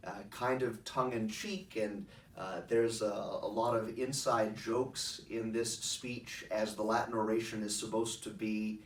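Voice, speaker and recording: A middle-aged man giving an informal explanatory talk in a measured, articulate way, halting now and then with pauses. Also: on the low side, fairly even intonation, slight background noise. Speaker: speaker introducing a recording of his own past oration. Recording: roomy echo, distant microphone.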